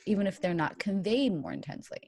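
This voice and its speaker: A woman guest in casual chat, telling animated stories full of swearing. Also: mid-range voice, fast. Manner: profane, animated storytelling. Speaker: podcast guest.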